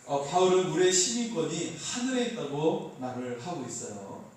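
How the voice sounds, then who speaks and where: A man's voice: fairly high pitch, a little mellow. A man preaching a Sunday sermon, light and joking as he quizzes his congregation. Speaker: pastor. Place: church sanctuary. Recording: echoey hall, heard from a distance.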